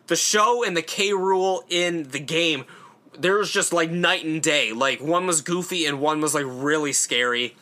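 The horror channel host, a young man with a voice on the high side and a sharp tone, gives casual solo commentary on his own channel. He drifts through talk about games in a loose, chatty way, using fillers and swearing now and then.

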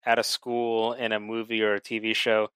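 A man co-hosting a casual movie chat, laid-back and wry with deadpan asides. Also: lowish voice, moderate pace, clean tone, dry recording. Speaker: podcast co-host.

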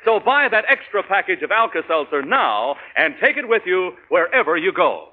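A man works as an old radio announcer in 1940s style, delivering scripted lines in a declamatory way. His voice is high and swings widely in pitch, through a tinny vintage broadcast sound. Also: big pitch swings, normal speed.

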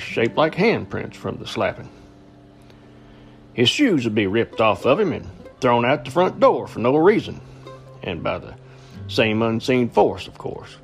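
A man, hosting a podcast and narrating a folk story in a folksy, lively storytelling manner. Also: mid-range voice, gravelly. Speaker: podcast host.

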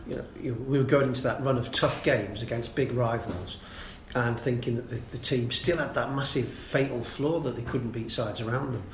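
A man's voice: mid-range voice, background noise. Man analysing football, fluent. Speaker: podcast guest, football pundit. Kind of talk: casual football podcast chat. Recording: echoey room with faint ambience.

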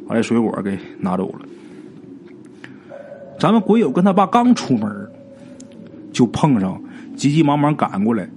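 A man narrates a ghost story in a chatty, folksy manner. He stretches his phrases with filler particles, and his pitch rises and falls a lot. Faint noise sits under the voice. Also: a little mellow. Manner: colloquial, drawn-out with filler particles. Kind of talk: spoken horror storytelling.

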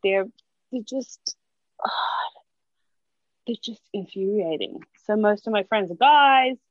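A woman's voice: mid-range voice, measured pace, no room sound, dull audio. Blunt profane Australian woman. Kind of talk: casual chat.

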